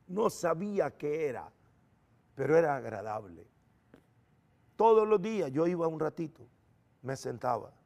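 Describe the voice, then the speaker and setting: A man's voice: on the high side, unhurried, vocal fry, long pauses. Earnest middle-aged man telling his testimony. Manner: earnest, animated storytelling with quoted dialogue. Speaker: preacher giving testimony. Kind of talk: personal testimony.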